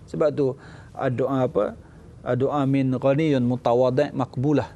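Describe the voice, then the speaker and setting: A man with a Malaysian Malay accent gives a lively sermon as a religious teacher. His voice is gravelly and dark. He talks in an animated way, acting out small scenes. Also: measured pace, lo-fi sound. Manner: animated, acts out little scenes, jumps to high voices. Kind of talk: lively sermon with acted dialogue.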